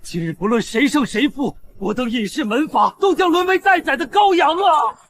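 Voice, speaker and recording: A man's voice: high-pitched, animated, moderate pace, a little hiss or hum. An actor playing an anxious male bystander who laments in a wailing way. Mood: alarmed. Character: alarmed male onlooker from a hidden clan.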